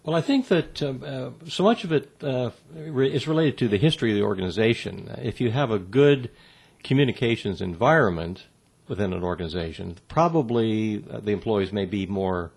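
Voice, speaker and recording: Man, guest in an interview, low-pitched, measured delivery full of pauses and restarts. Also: lively intonation, gravelly, a little mellow, slightly rough. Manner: measured, halting, many fillers and restarts. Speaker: interview guest on workplace communication. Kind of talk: answering interview questions.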